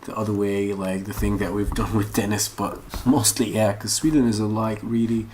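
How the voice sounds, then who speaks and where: An online course instructor sits at his computer, talking at a normal speed in a low, steady, somewhat dark voice. His screen-share tutorial is unscripted and meandering as he thinks aloud and searches, with keyboard and mouse clicks audible in the noisy room.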